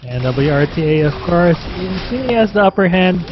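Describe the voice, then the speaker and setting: A man's voice: sits high, expressive, moderate pace, noisy background. A man giving live commentary on an esports match, talking conversationally with frequent fillers. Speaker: esports caster. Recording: dull lo-fi stream audio with game music.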